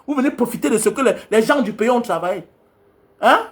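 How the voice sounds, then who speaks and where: A man's voice: very high-pitched, animated, fairly quick. A man from Cameroon, a travel vlogger scolding his viewers in an angry, repetitive rant. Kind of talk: ranting monologue to viewers.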